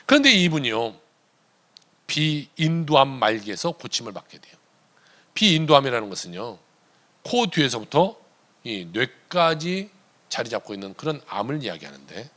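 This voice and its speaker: A middle-aged male pastor preaching a sermon, telling a story with emphatic rises and sudden quiet drops. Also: medium pitch.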